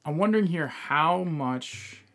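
A man in easy podcast chat, going on at length about a TV episode. His pitch rides up and down with real life as he makes his points. He swears casually and keeps circling back to his idea. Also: animated, unhurried, a bit bright. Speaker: podcast co-host.

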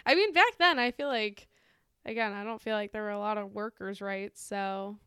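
A woman's voice: mid-range voice, moderate pace, pushed and bright, smooth, dry recording, studio quality. A woman hosting a podcast, reading out ghost stories in a casual, giggly, informal way. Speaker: podcast host.

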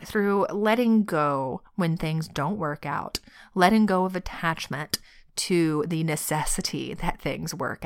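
A woman with a sick, choked-up voice talks through her solo podcast at an unhurried, drawn-out pace. She speaks softly and from the heart, slipping into whispers now and then and laughing gently between thoughts. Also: fairly low pitch. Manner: slow, soft and heartfelt, drops to whispers, laughs often. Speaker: tarot podcast host. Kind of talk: reflective solo podcast talk.

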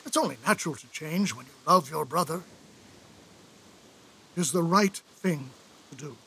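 An actor playing a remorseful royal brother in an earnest, pleading stage delivery for an audio drama. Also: male voice, fairly high pitch, lively intonation, normal speed, vocal fry, sharp tone, breathy edge, exaggerated voice.

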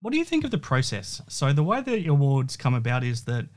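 An Australian man hosts a sports show in a casual interview style. His voice sits at a middling male pitch, and he chats as he puts questions to his guests. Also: wildly swooping pitch, brisk, a little mellow. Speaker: host of a basketball show.

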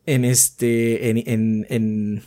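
A man with a Mexican accent co-hosting a casual podcast chat, animated and swearing freely. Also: lowish voice, extremely slow. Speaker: podcast co-host.

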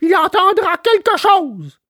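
Woman voicing a puppet boy, sobbing, pleading, very high, dry close sound. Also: very animated, slow pace, bright, forceful tone, no echo, exaggerated voice. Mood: remorseful. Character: wooden puppet boy, remorseful and tearful. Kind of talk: storybook drama.

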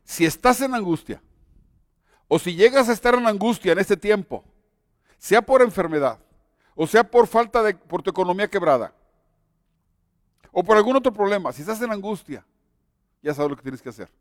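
A man's voice: high voice, expressive, normal speed, long pauses, dry recording, studio quality, long reverb tail. A man preaching a sermon and telling his own testimony, earnest and exhorting.

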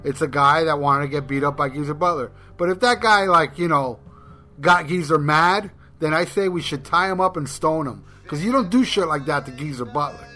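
A man's voice: a little high, moderate pace, bright, forceful tone, faint music behind. A man hosting a podcast in casual, irreverent chat, given to teasing and mock ranting. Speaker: podcast host.

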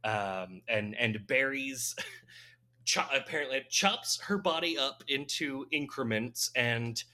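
Male podcast co-host, bright mid-pitched voice, chatty rambling movie recap with frequent laughs. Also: slow. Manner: rambling, amused, laughs often. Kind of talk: casual chat.

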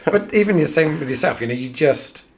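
A man's voice: on the high side, expressive, fairly quick, slight background noise. An Australian man co-hosting a podcast, chatting casually and rambling, often repeating words as he thinks. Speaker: podcast co-host. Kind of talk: casual chat.

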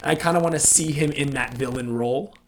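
A man's voice: mid-range voice, brisk, crowd noise. A man co-hosting a podcast, chatting casually and hedging his points with lots of fillers. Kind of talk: casual chat.

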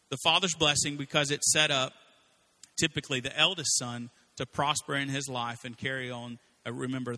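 Animated bright-voiced male pastor preaching. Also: medium pitch. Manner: animated, conversational preaching with asides to the congregation. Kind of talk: sermon.

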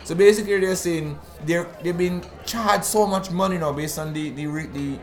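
A man from the Eastern Caribbean co-hosts a podcast talk show, explaining finance news conversationally with frequent restarts. His voice is high-pitched and his pace moderate.

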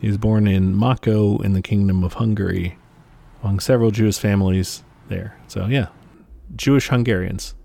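A man's voice: lowish voice, steady tone, moderate pace, creaky, mellow. A man with a Southern US accent co-hosting a podcast, laid-back and joking, often trailing off mid-sentence. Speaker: podcast co-host. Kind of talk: casual chat.

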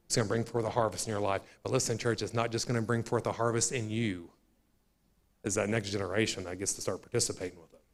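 A man preaching a sermon to his church, folksy and repetitive, calling out to the congregation and building to loud, emphatic climaxes. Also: fairly low pitch, fairly even intonation, fast. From United States. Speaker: pastor. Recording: long hall reverb of a church.

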